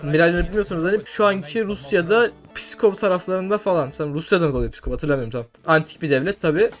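A young man commentating a sword-fighting game, rambling through made-up lore and breaking into loud swearing outbursts. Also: high voice, fast. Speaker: gameplay streamer. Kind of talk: casual gameplay commentary with mock lore. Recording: faint music behind.

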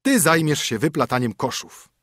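A man's voice: fairly high pitch, big pitch swings, moderate pace, fairly bright tone, no room sound, clean studio sound, voice pushed up. A man reading a fairy tale audiobook, voicing a stern poor minstrel husband who commands and scolds his wife. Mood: scolding.

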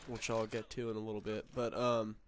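Fairly low-pitched and fairly quick, this young male gaming commentator keeps his pitch mostly flat while a cold leaves him sick and nasal. He rambles through casual gameplay commentary, swearing and using lots of fillers. Game gunfire makes the recording noisy.

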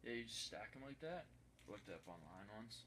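A man's voice: lowish voice, very animated, normal speed, noisy background. A young man playing a boastful, clueless slacker who rambles proudly through a tour of his cluttered basement. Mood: smug, rambling. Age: young adult. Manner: laid-back, rambling, proud, says "wicked convenient" over and over. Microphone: handheld phone camera held by the other man.

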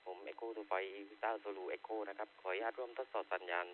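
A man's voice: lowish voice, steady tone, normal speed. A man speaking politely and procedurally over a walkie talkie, checking in as an amateur radio operator for a signal test. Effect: two-way radio transmission. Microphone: handheld radio transceiver. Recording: tinny narrow walkie-talkie signal, faint hum.

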